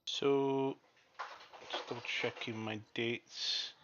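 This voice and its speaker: A man narrates a tabletop role-playing game as dungeon master, speaking descriptively and shouting out the villains' lines. His mid-range voice is steady and slow, captured on a dull lo-fi mic with faint noise.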